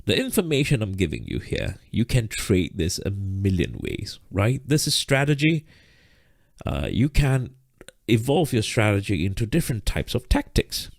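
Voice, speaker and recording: A man's voice: lowish voice, big pitch swings, normal speed, creaky, dry recording, clean studio sound. A man teaching a live trading lesson, explaining step by step and checking in with "right?", short of breath. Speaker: trading instructor.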